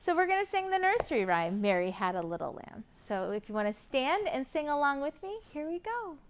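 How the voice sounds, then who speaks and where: This library storytime host speaks fairly quickly in a high-pitched, sing-song voice. She reads picture books expressively to young children, sings along with them, and nudges them with encouraging questions.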